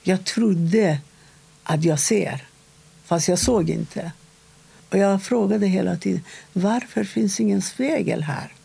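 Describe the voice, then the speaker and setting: A woman interviewee recounting a personal story in a halting, measured way, with short pauses. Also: mid-range voice, creaky, warm tone, breathy edge.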